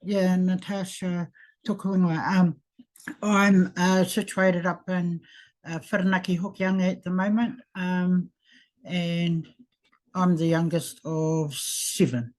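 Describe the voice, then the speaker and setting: A woman with a Māori New Zealand accent giving a casual, halting introduction of her family. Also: fairly low pitch, fairly even intonation, darkish tone, poor audio.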